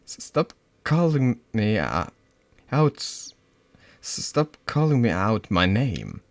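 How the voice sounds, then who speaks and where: A hurt, frightened schoolgirl in a role-playing game, voiced by a man. She stammers, pleads and breaks into shouts. The voice is strained upward from a very low, gravelly base and moves slowly. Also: very animated, full character voice. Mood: distressed.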